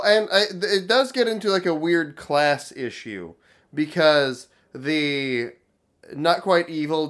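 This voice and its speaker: A man co-hosting a podcast, talking in a wry, analytical, deadpan way in casual chat about a cartoon episode. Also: a little high. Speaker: podcast co-host.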